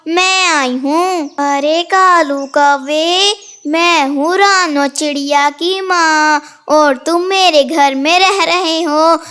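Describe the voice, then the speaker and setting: A woman's voice: very high voice, a bit bright, exaggerated voice. A woman putting on a ghostly mother bird. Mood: menacing. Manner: slow, drawn-out, menacing.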